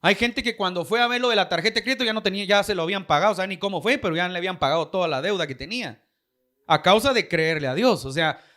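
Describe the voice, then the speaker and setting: High-pitched, bright-voiced preaching man. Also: quick pace. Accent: Guatemalan Spanish. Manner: preaching with questions to the congregation. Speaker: pastor. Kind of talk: sermon.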